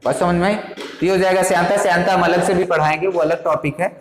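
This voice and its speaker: High-voiced male teacher in an echoey room. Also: fairly even intonation, fast. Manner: explains step by step, keeps checking "ठीक है". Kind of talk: classroom physics lesson. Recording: echoey room with long reverb.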